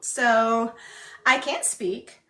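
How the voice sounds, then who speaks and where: A woman with a bright, fairly high voice talks casually as a livestream host while signing at the same time. Her phrasing is halting and broken into pieces as she signs and speaks together. The room around her is echoey. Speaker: book club host and ASL voice interpreter.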